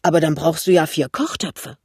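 Ein Mann liest einen verlegenen, hastigen jungen Ehemann in einem Hörbuch. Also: male voice, a little high, a little mellow, breathy edge, no room sound, studio quality. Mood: flustered. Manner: hurried, embarrassed. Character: flustered young husband, shy and hasty. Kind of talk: audiobook reading.

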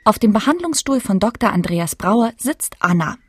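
A woman narrating a children's educational film in a calm, clear, explanatory way. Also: mid-range voice, normal speed, no room sound, faint music behind.

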